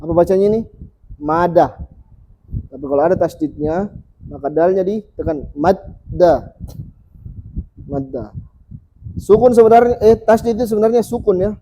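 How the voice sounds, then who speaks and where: Pria bersuara tinggi dan gelap. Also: male voice, high voice, animated, dark tone, slight background noise, rough recording. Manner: patient, repeats sounds slowly for students. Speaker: Quran reading teacher. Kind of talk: teaching a class.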